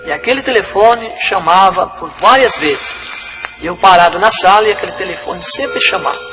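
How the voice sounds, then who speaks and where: Pastor with high voice. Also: male voice, moderate pace, poor audio. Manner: repetitive, dramatic retelling. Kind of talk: religious testimony. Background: music.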